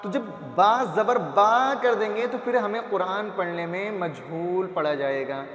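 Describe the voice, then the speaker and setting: Male Quran reading teacher, high voice, patient syllable drills, roomy echo. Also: a bit bright, soft background music. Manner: drills letter sounds, repeats each syllable, asks and answers his own questions. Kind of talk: slow classroom recitation lesson. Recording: echoey roomy reverb.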